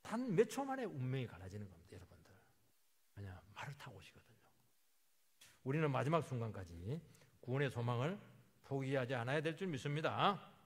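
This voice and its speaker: Husky, dramatic preacher in a reverberant hall. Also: male voice, medium pitch. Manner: vivid, dramatic storytelling with sudden emphatic outbursts. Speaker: pastor. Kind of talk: sermon.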